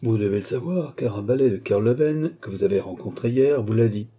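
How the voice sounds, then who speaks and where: A man voicing a calm, sharp-tongued male servant who speaks with quiet irony. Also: medium pitch, a little fast, breathy edge. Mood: calm, needling.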